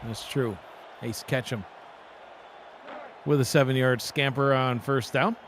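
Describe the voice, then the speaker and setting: A man doing relaxed play-by-play commentary for a simulated football broadcast, joking along and rising in excitement on big plays. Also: mid-range voice, measured pace, a little hiss or hum. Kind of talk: sports commentary.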